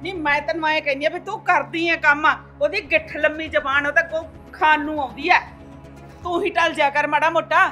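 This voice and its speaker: A middle-aged woman playing a mother-in-law who loudly scolds her quarrelling daughters-in-law. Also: high voice, steady tone, brisk, faint music behind. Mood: scolding. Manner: loud, scolding, sharp-tongued. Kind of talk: village family drama acting.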